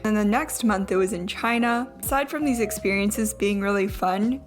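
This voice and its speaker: A woman's voice: mid-range voice, normal speed. A young adult woman giving a casual, chatty, self-deprecating vlog voice-over, with some trouble saying her R sounds. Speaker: vlogger. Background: background music.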